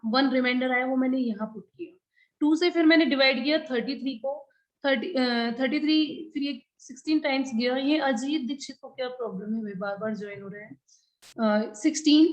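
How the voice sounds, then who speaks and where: High-pitched woman teaching a class. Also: lo-fi sound. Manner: patient, explains step by step, calls students dear. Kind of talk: live online class.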